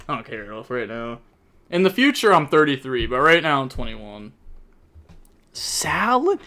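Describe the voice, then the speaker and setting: A young man streams live and commentates a card game match in an unhurried, drawn-out way. His voice sits at an ordinary middle pitch. He muses aloud, repeats himself and chuckles between remarks. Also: a bit bright. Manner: chatty, thinks aloud, repeats himself, laughs often.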